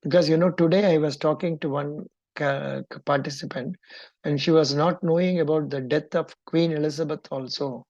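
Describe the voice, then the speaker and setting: A woman's voice: low-pitched, fairly even intonation, normal speed, a little mellow, no room sound, lo-fi sound. A woman with a Kannada-influenced Indian English accent, coaching a mock interview in an encouraging, instructive and probing way.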